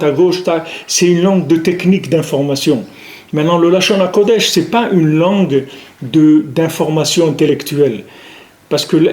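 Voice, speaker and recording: A man delivers a religious lesson in a somewhat high voice. He presses his points by repeating them and asking rhetorical questions. The sound carries a noticeable room echo. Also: darkish tone. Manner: repetitive, emphatic, rhetorical questions. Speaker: rabbi teaching. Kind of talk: spoken Torah lesson. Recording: echoey room.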